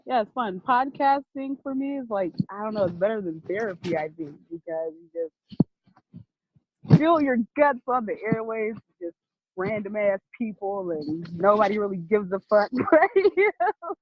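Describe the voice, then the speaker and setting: A woman's voice: mid-range voice, lively intonation, moderate pace, no echo. A woman guest chatting casually about her podcast, laughing often and swearing freely. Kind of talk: casual interview chat. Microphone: video or phone call. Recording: tinny phone-like line.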